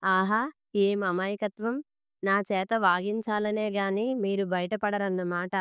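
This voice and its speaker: A woman's voice: mid-range voice, flat delivery, measured pace, a bit bright, smooth, dry recording, clean studio sound, close to an everyday voice. A woman voicing a quarrelsome middle-aged wife who speaks sarcastically and cuttingly. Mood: scolding.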